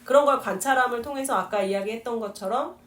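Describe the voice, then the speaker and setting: A woman teacher leading a relaxed book discussion and asking the group questions. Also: on the high side, fast. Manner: reflective, asks the group questions. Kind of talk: casual discussion. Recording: echoey room, distant mic, faint background noise.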